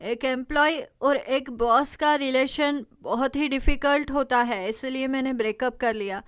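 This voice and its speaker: Downcast young man, read by a woman, subdued and quiet. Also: high voice, unhurried, smooth, no room sound, clean studio sound. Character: gloomy young man after a breakup.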